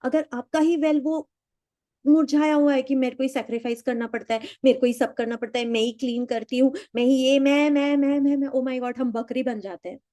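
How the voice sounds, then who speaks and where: High-voiced chatty woman coach. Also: steady tone, fairly quick, mellow, no echo. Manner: chatty, teasing, mixes in English phrases, acts out quoted lines. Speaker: EFT and meditation coach. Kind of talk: casual live online session talk. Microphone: video call.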